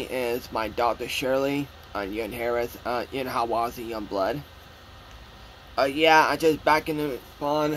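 A man filming a casual home vlog, speaking haltingly and repeating his phrases with many fillers. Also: medium pitch, noisy background. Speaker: vlogger. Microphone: phone.

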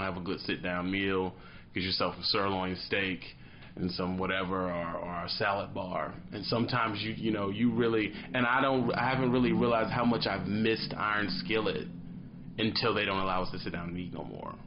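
A truck driver in his thirties speaks at normal speed in a low-pitched voice, casually vlogging from a small, dim room. His storytelling is animated and full of slang, with little acted-out scenes, while the recording is muffled against a noisy background.

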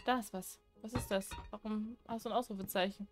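A young woman talks her way through a horror game in a loose, chatty style and cracks jokes as she goes. She answers the game out loud as if it could hear her, and her pitch sits in an ordinary middle range. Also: fairly even intonation, fairly quick, music in the background. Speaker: let's play gamer. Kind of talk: casual game commentary.

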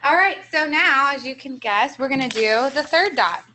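A woman co-presents a training seminar, and her voice has a bright, forceful edge. She explains classroom strategies in an upbeat, clear way. Faint hiss sits under the recording. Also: sits high, expressive, moderate pace, poor audio. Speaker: early childhood trainer.

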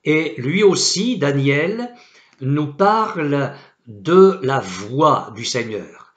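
Man preaching real slow, kinda high voice, solemn bible quotes, echoey room. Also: lively intonation. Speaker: pastor. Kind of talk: sermon.

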